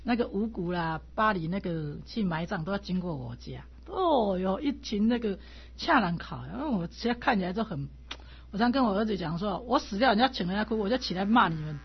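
An older woman from Taiwan, a lay Buddhist teacher, telling animated stories in a casual way and laughing often. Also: mid-range voice, a little fast, husky. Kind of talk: casual storytelling talk. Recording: dull lo-fi recording.

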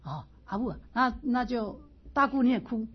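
A middle-aged woman teaching as a Buddhist lecturer, telling a family story with lively asides, laughter and frequent questions to her listeners. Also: on the high side, moderate pace, slightly rough. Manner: animated, asks listeners "是不是", laughs through anecdotes. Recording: dull lo-fi recording.

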